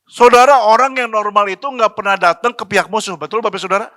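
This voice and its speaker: A man's voice: high voice, fast talker, bright, forceful tone, no room sound, studio quality. A man preaching a sermon as pastor, talking in a chatty, slangy way and asking the congregation questions. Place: church.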